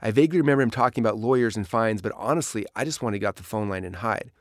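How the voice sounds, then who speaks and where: A man's voice: on the low side, rapid-fire, dry recording, studio quality. A man reading his own memoir aloud in a storytelling manner. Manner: storytelling, dramatic in places. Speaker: narrator. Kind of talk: memoir audiobook narration.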